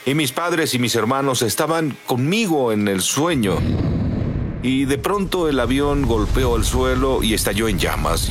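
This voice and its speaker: A middle-aged man telling his story in earnest as a guest on an interview show. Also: medium pitch. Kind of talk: dubbed testimony interview.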